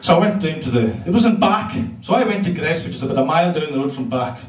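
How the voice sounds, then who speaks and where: Man, Scottish Hebridean accent, stand-up comedian, profane deadpan storytelling, high voice, echoey far-off live venue. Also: fast. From Isle of Lewis, Scotland. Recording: echoey club room from far off.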